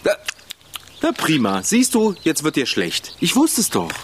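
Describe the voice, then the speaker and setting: A man playing an excitable, exasperated young male companion who scolds and yelps in an audio drama. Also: on the high side, unhurried, a little hiss or hum.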